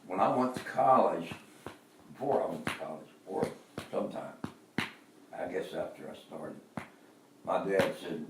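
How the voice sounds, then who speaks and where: A man's voice: low-pitched, lively intonation, a little slow, long pauses, roomy sound, distant mic, background noise. An older man with an Appalachian accent, telling rambling stories from his life and chuckling often. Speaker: interviewee, father. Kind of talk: casual storytelling.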